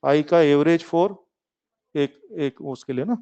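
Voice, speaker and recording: A physics teacher with a high-ish, mellow, clean voice speaks slowly in an online lecture. Playful and encouraging, he calls his students kids, pushes them on, and jokes that he's lazy; the recording sounds a little muffled.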